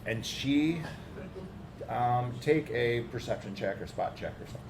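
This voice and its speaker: A man's voice: medium pitch, a little slow. Casual man running a tabletop game. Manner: casual, rambling descriptions with fillers. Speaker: game master. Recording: echoey room with background noise.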